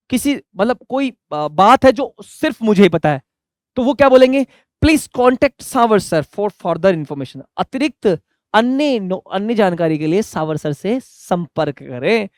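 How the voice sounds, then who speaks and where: A young man teaching spoken English in Hindi, saying each English sentence slowly several times, then explaining it and asking the class questions. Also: sits high, dry recording, studio quality. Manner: asks rhetorical questions to the class.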